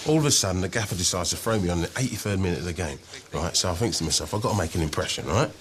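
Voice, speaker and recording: Footballer telling a story, deep and fast, crowd noise. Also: male voice. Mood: boastful. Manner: animated anecdote, casual slang. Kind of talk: TV drama acting.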